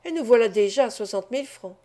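Woman reader as a calm male police commissioner, soft and polite, mellow tone, storybook. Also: fairly high pitch, quick pace, lightly acted.

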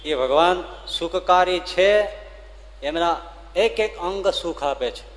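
A man with a Gujarati accent, a swami, telling devotional stories in a sermon, swinging from loud dramatic bursts to slow, measured verse. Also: sits high, long reverb tail. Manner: lively storyteller, rising loud for drama and slowing to chant verses. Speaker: swami giving a religious discourse.

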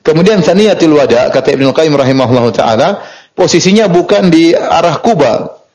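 A male Islamic preacher giving a storytelling lecture, reading Arabic text and explaining it, lively and chuckling at times. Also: brisk, rough recording. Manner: lively, rises in pitch for emphasis and chuckles. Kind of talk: sermon.

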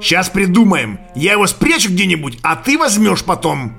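A man reading an audiobook and voicing a weary young fugitive who speaks in a quiet, subdued way. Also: sing-song, normal speed, vocal fry, faint music behind, heavily acted. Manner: quiet, subdued, low-keyed.

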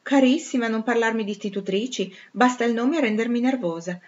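A woman's voice: on the high side, fairly quick, a little mellow, highs cut off, pitched above the performer's own voice, natural voice. A woman reading aloud, voicing a pompous older noblewoman who speaks in a dramatic, affected way. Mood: haughty.

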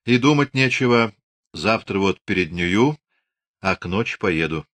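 A man's voice: on the low side, lively intonation, unhurried, fairly bright tone, dry recording. A man voicing a young Cossack officer who speaks bluntly and resolutely. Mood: grim resolve.

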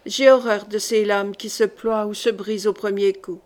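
A woman reading the part of a gruff older male jailer in an audiobook, speaking slowly and with quiet irony. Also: medium pitch, flat delivery, close to an everyday voice. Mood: calm ironic.

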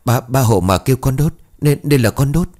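A man voicing a panicky young village boy who stammers in fear and turns rough and threatening. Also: mid-range voice, animated, fast, a little mellow, natural voice. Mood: panicked stammer.

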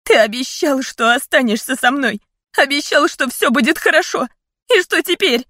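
A woman voicing a grieving teenage daughter, loud, high and pleading. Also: expressive, moderate pace, no room sound, clean studio sound. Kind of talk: audiobook character voice.

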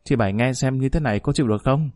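Brief: sheepish young village husband, read by a man, grumbling and defensive, middle pitch. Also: racing, darkish tone, no echo, studio quality, natural voice. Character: sheepish young husband who sings folk songs.

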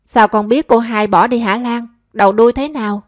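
A woman's voice: a little high, fairly even intonation, normal speed, no room sound, lightly acted. A woman voicing a scolding, money-minded middle-aged mother who nags and complains, in a dry close recording. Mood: demanding.

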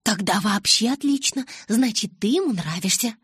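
A woman voicing a nosy, excitable teenage schoolgirl who pries eagerly for gossip in an audiobook. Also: mid-range voice, moderate pace, breathy edge, no room sound, clean studio sound, voice pushed up. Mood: excited. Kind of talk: audiobook character reading.

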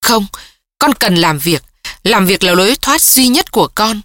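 A woman narrator voicing a distraught young woman, pleading and tearful, her pitch a little raised. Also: expressive, measured pace, fairly bright tone.

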